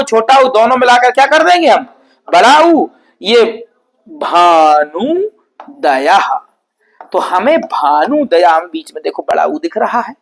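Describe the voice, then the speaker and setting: A man teaching an exam-prep grammar lesson at a board, explaining patiently and repetitively, sounding out example words slowly and often checking in with his students. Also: extremely high pitch, a bit bright, poor audio. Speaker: Sanskrit teacher.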